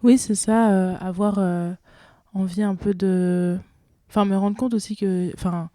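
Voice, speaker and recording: A woman's voice: medium pitch, fairly even intonation, measured pace, warm tone, dry recording. A young woman, a singer and guitarist, chatting in an interview, hesitant with many fillers and restarts. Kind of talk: casual interview chat.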